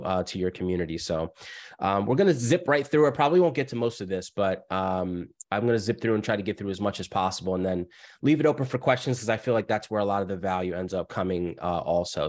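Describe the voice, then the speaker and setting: A man with a cold and a scratchy, lowish voice is the guest speaker on a webinar held over video call. He keeps his delivery brisk and upbeat.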